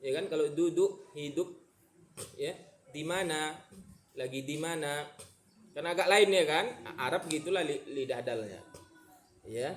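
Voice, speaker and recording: Slow-drilling male recitation teacher. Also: a little high, slight background noise. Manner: drills syllables slowly, repeating sounds for students. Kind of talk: tajwid pronunciation lesson. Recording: echoey room.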